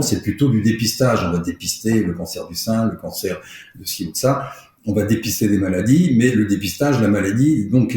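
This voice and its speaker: A man's voice: lowish voice, a little mellow, very echoey. A man from France, a doctor, explaining his work in an interview, with many fillers and restarts. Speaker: doctor, podcast guest.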